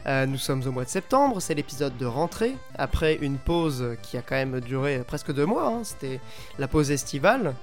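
A man's voice: mid-range voice, big pitch swings, moderate pace. A man hosting a casual video game podcast in a chatty, improvised way, his voice nasal and stuffed up from a cold. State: has a head cold. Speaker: podcast host. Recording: music behind the voice. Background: music.

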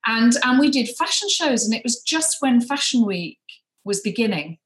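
A woman's voice: fairly high pitch, sing-song, moderate pace, fairly bright tone, reverberant, low-quality recording. A woman in her fifties from the English Midlands, a guest in a podcast interview, chatty and hesitant with many ums. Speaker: guest, beauty brand founder.

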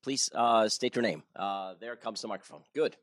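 A man moderating a public seminar, politely calling on audience members and briskly summing up their questions. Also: fairly low pitch, fairly bright tone, no echo.

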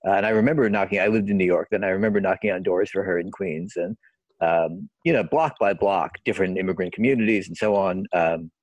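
A man interviewing a guest, speaking in a thoughtful, measured way with frequent hedges. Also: sits low, a little mellow, no echo. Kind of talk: conversational interview.

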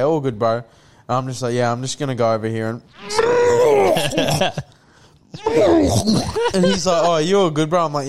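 A man's voice: mid-range voice, clean tone. A young man telling stories in casual, slangy, sweary, laddish chat. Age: young adult.

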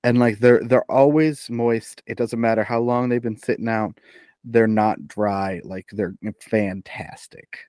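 Dude rambling on a podcast, mid pitch, dead dry mic sound. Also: male voice, fairly even intonation, unhurried, darkish tone, clean tone, no echo. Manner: rambling, filler-heavy. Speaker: podcast co-host. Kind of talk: casual chat.

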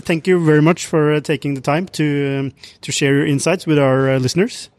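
A man's voice: on the high side, steady tone, brisk, no room sound. A man hosting a casual podcast interview, speaking in hesitant, stop-start phrases with repeated words. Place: conference hall, close dry pickup.

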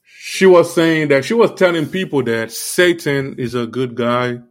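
A man giving an earnest, informal sermon, repeating himself often and filling pauses with "you know". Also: medium pitch. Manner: earnest, repetitive, many fillers like "you know". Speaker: preacher.

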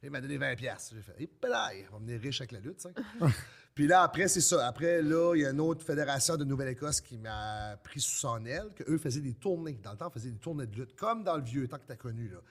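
A man's voice: medium pitch, fairly quick. A man with an Acadian French accent, a pro wrestler telling stories in casual chat and acting out what people said to him. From New Brunswick, Canada. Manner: animated storyteller, acts out quotes.

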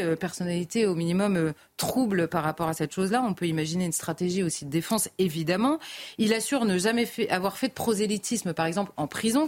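A woman on a television debate panel, recounting court testimony with many hesitations and restarts. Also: medium pitch. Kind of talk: live TV news debate commentary.

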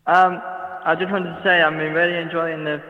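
A man's voice: on the high side, little pitch movement, fairly quick. A man phoning in to a radio show, sounding echoey and hollow, as if down a well, and talking shyly and hesitantly. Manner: shy, laughing, hesitant. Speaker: caller. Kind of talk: casual chat. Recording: echoey tinny phone line with long reverb.

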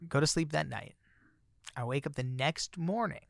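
A man's voice: fairly high pitch, normal speed, vocal fry, no room sound, clean studio sound. A man telling a personal story as a guest author, in a casual chatty way with lots of fillers. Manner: chatty, many fillers, grows excited when recounting surprises.

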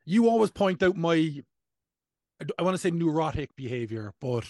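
A man's voice: fairly high pitch, big pitch swings, fairly quick, a little mellow, no echo, studio quality. A man in his thirties with an Irish accent, hosting a casual comedic podcast in a playful, self-mocking way. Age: 30s. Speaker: podcast host.

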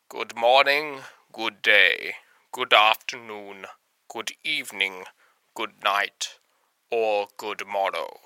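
Man playing a pompous gravelly professor. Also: lowish voice, sharp tone, dry recording, full character voice. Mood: haughty. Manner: pompous, theatrical, archaic words. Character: pompous male professor character, fussy and insulting. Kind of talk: comedic podcast intro in character.

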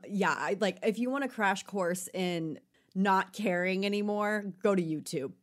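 A woman's voice: medium pitch, unhurried. A woman co-hosting a beauty podcast, talking in a bubbly, emphatic, casual way. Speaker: podcast co-host.

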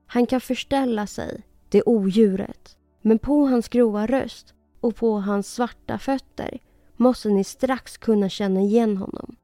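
A woman's voice: on the high side, mellow, no room sound, soft background music, natural voice. A woman voicing a caring old mother goat in a storybook, earnestly warning her children.

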